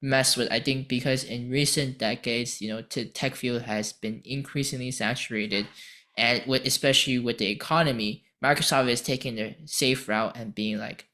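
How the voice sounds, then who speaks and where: A teenage boy in casual podcast chat, talking at an ordinary pitch. He builds his points through long everyday stories and keeps checking in with "right?" as he goes. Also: steady tone, normal speed, bright, forceful tone. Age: teens. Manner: chatty, explains with long everyday analogies; peppers speech with "right?" and "you know". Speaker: podcast co-host. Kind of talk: casual discussion.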